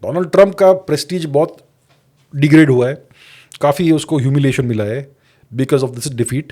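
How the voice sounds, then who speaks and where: A man with an Indian accent giving measured podcast analysis, switching between Hindi and English and restarting words as he goes. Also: a little high, mellow. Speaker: guest geopolitics commentator.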